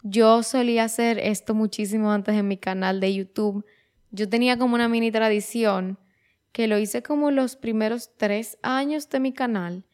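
A young woman in her early twenties hosts her own show in a relaxed, reflective monologue. She talks in a chatty way, restarts her sentences and slips English words into her talk. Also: mid-range voice, clean tone. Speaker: podcast host.

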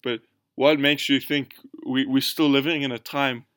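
A man's voice: medium pitch, level tone, normal speed, fairly bright tone, no room sound, studio quality. Easygoing South African man. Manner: easygoing, laughing, rambling storytelling. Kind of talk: casual chat.

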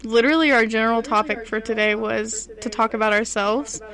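A woman with a slightly high voice co-hosting a casual podcast. She teases her co-host and pokes fun at herself in a relaxed, playful way. Crowd chatter can be heard behind her. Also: fairly quick. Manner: playful, teasing, self-deprecating. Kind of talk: casual chat.

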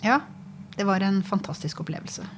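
A woman's voice: mid-range voice, lively intonation, a little hiss or hum. A woman with a Norwegian accent, a guest on a podcast, recalling her sled dog races in a reflective, casual way. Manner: reflective, recalls memories with pauses and fillers. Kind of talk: casual conversation.

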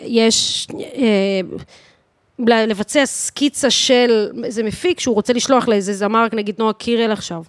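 A woman of thirty-one with an Israeli accent, chatting casually as a podcast guest in an animated, emphatic way, with slang and English swearing mixed in. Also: on the high side, no room sound, clean studio sound. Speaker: guest singer, DJ and voice teacher.

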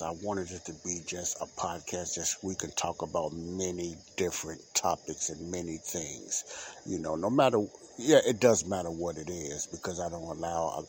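A deep-voiced man hosts his own unscripted solo podcast, recorded unedited on a home mic with slight background noise. He rambles loosely, leaning on fillers and repeating himself. His nose sounds stuffy and congested.

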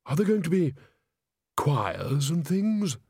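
A man voicing a fussy older man who has just become a ghost, in a high, startled and indignant voice. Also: sing-song, slow, a little mellow, husky, dry recording, clean studio sound, full character voice.

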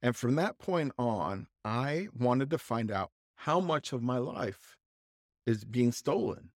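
A man co-hosting a podcast, telling a casual, halting anecdote full of restarts and asides. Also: medium pitch, animated, no echo, studio quality. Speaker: podcast co-host. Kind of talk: casual storytelling chat.

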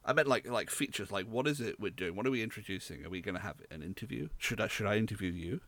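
A man's voice: lowish voice, fast talker, fairly bright tone, no room sound. A young man from rural England, co-hosting a podcast in casual, rambling chat. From Southwest England. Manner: rambling, hesitant, explains at length. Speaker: podcast co-host.

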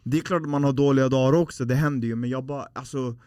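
A man's voice: medium pitch, steady tone, dark tone, clean tone, no echo, studio quality. A man, a podcast guest telling a personal story in a heartfelt, rambling way with many fillers.

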